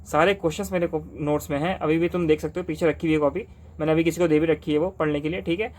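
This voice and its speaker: A young man from Delhi giving exam study advice to camera in fast, insistent casual talk, repeating points with rhetorical questions. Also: a little high, fairly even intonation, a little mellow. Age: young adult.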